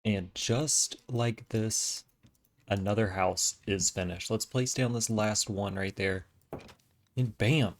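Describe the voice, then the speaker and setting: A gaming channel host talks through his building in a video game, thinking aloud in a relaxed, easygoing way, his voice a little raspy from allergies. His pitch is fairly low and he speaks slowly, with faint music in the background.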